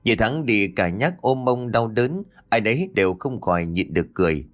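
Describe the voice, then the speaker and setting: A man's voice: on the low side, big pitch swings, normal speed, fairly bright tone, faint music behind. A man narrating a comic ghost story, slipping into voices for each character.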